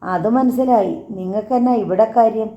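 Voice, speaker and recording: A woman's voice: mid-range voice, normal speed, mellow, lo-fi sound, lightly acted. A woman voicing a firm, indignant neighbor who confronts a drunk man with reproachful questions.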